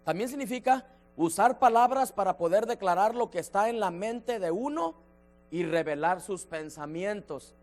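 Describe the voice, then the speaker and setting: A man leading a church Bible study, emphatic, slowing down to stress key words and addressing listeners by name. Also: sits high, animated, soft background music. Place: church sanctuary.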